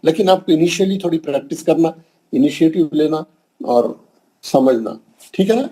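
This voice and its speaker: A man's voice: fairly high pitch, lively intonation, dark tone, slightly rough. A middle-aged man with a Hyderabadi Urdu accent teaching Quran pronunciation in an online class, patiently repeating letters and correcting students. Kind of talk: online tajweed lesson, slow drilled recitation. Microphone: online class call.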